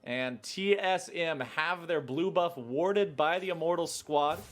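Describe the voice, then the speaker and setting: A man's voice: a little high, slow. A man doing live esports play-by-play commentary with casual banter, in a jokey, colloquial showman's manner.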